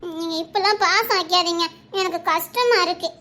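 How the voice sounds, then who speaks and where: An actress plays a frightened, lonely young woman in a Tamil web drama, her voice pitched very high. She pleads and falters with a teary edge, speaking in a Tirunelveli accent. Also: moderate pace, bright, forceful tone. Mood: tearful.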